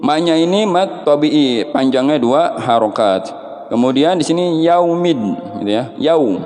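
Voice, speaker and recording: Male recitation teacher, slightly high voice, unhurried, chanting examples, reverberant space. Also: lively intonation, a little mellow, soft background music. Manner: patient, slow explaining with drawn-out chanted examples. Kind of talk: tajwid lesson with chanted recitation.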